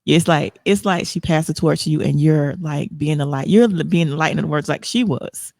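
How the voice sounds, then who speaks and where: A woman's voice: deep voice, moderate pace, creaky, a little mellow, no echo, studio quality. A woman hosting an online talk show, speaking earnestly and emotionally, rambling with frequent restarts. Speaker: host.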